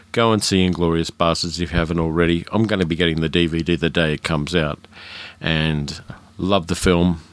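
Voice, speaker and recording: A low-voiced man with an educated Australian accent hosts his own film podcast solo, frank and chatty with fillers and restarts. There's no room sound on the recording.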